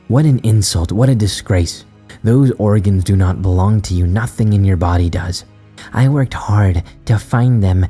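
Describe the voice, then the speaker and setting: A man's voice: low voice, dark tone, husky. A man voicing a cruel, many-armed monster parent in a horror story reading, speaking in a cold, commanding way.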